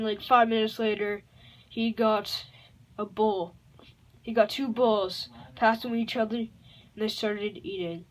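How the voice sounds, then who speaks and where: A woman improvising a fan-fiction story aloud, rambling and halting, with many fillers and self-corrections. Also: on the high side.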